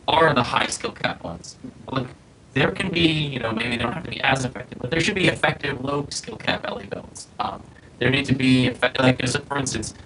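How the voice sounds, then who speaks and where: A man, a game developer, thinking aloud in a casual podcast panel discussion, often pausing and restarting. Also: mid-range voice, a bit bright, slight background noise. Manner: hesitant, many fillers and restarts.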